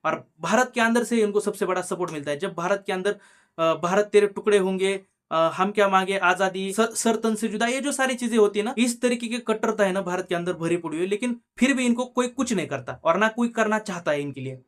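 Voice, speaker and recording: A man's voice: sits high, lively intonation, a little fast, fairly bright tone. Heated, insistent male commentator. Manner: heated, insistent, keeps tagging phrases with a questioning "na". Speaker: channel host. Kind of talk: opinion commentary monologue.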